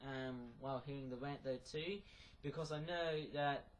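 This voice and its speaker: A man's voice: a little high, fairly even intonation, moderate pace, a little hiss or hum, low-quality recording. A man speaking in a casual, rambling vlog style, apologetic and hesitant, often repeating himself. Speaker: YouTube vlogger.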